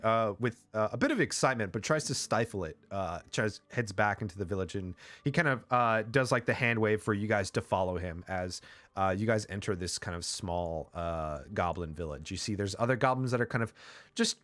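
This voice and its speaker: Give me a man game-mastering a fantasy session, hesitant and filler-heavy, with a lower voice. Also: fairly bright tone, no room sound. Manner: rambling, many fillers. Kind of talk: narrating a tabletop game.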